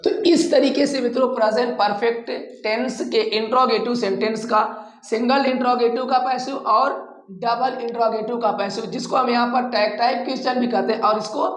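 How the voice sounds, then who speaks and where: A man with a very high, steady voice teaches a classroom-style grammar lesson at normal speed, didactically repeating key terms and addressing his viewers as friends. The room sound is echoey.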